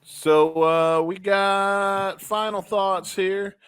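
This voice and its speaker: A man's voice: high-pitched, fairly even intonation, extremely slow, a bit bright, clear, resonant tone, no room sound. A man from the southern United States co-hosting a music review show in casual chat. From Memphis, United States.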